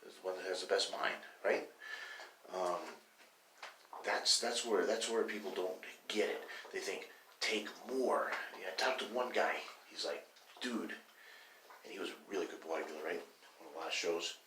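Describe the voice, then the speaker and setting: A man's voice: sits low, a little fast, bright, forceful tone. A man talking in a casual, rambling monologue, swearing now and then and restarting his sentences often. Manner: rambling, profane, with many restarts. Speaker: bodybuilding vlogger. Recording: echoey room, mic at a distance, faint noise.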